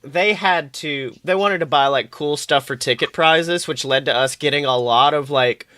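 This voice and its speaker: An American podcast co-host chats casually in a medium-pitched, sharp-toned voice at a moderate pace, spinning rambling, joking stories packed with swearing. The comic podcast audio is dry, with no room sound.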